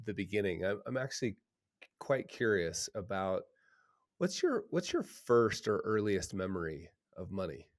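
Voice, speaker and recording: A man's voice: on the low side, very animated, normal speed. A man hosting a podcast interview, speaking thoughtfully and often restarting his sentences as he tells a story. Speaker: podcast host. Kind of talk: conversational interview.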